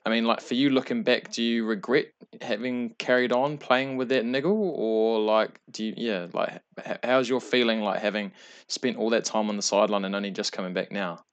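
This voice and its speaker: A man's voice: fairly low pitch, steady tone, fairly quick, smooth, dull audio. A man with a New Zealand accent hosting a casual interview, asking long rambling questions in friendly, slangy talk. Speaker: interviewer, podcast host.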